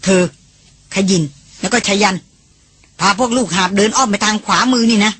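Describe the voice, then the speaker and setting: A woman voicing a grown man who leads a jungle hunting party, speaking in a measured, commanding way, in an audiobook. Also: medium pitch, a bit bright, husky. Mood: firm, explaining.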